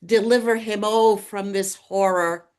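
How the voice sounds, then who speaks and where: A woman voicing a frantic old grandmother who urgently pleads with her granddaughter to run, spoken slowly. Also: medium pitch, fairly even intonation, a little mellow, clean tone, lightly acted. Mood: urgent pleading.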